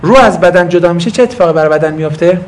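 A man with a notably high voice lectures a class on scripture. He explains word meanings patiently, poses questions and answers them himself, and responds to students in the room. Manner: talks to students present. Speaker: religious teacher.

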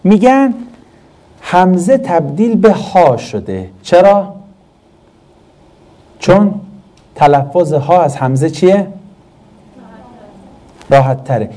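A man teaching in a classroom, his voice sitting fairly high and mellow. He swings his pitch widely as he quizzes the students and then answers his own questions. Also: long pauses. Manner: animated, asks the class questions and answers them himself. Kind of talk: classroom lesson on Quranic Arabic grammar.

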